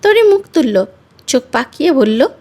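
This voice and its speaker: A woman storyteller giving expressive, measured narration of a romantic story. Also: sits high.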